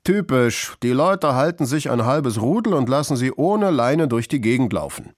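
A man voicing a grumbling, stern father in a storybook, with a gruff, firm way of speaking. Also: mid-range voice, big pitch swings, a little slow, no echo, clean studio sound, pitched above the performer's own voice.

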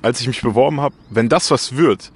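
A young man with a deep voice, talking casually as a gaming YouTuber, with slang and English loanwords. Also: brisk, husky. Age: young adult. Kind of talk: casual interview talk.

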